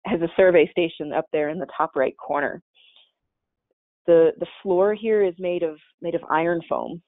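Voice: mid-range voice, no room sound. A caver giving a casual, chatty slide-show presentation in a webinar, with many fillers and restarts. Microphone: webinar call mic. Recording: tinny, dry webinar call audio.

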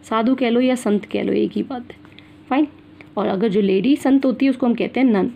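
Indian lady teacher, bit husky and gravelly, explaining grammar to kids, keeps checking they follow. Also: fairly high pitch, moderate pace, mellow. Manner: mixes Hindi and English, calls pupils "beta", repeats and checks "theek hai na". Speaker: school teacher. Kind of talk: online English grammar lesson.

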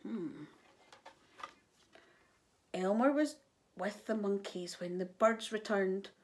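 A woman reading a children's picture book aloud, giving the animals voices and adding soft whispered asides. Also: mid-range voice, slow pace. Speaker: storyteller.

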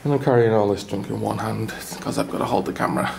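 Over a noisy background, a travel vlogger talks fast in a fairly low, creaky voice with fairly even intonation. Holding his camera, whose mic captures everything, he rambles casually and self-deprecatingly while walking from his apartment and stairwell out to his car in an icy car park.

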